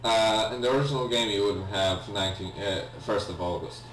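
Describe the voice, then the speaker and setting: A let's-play gamer, young and Polish-accented, a native Polish speaker, talks briskly in a lowish, fairly bright voice about the game in front of him. His delivery is halting and apologetic, with frequent ums and false starts. An echoey room, distant mic and faint hum mark the recording.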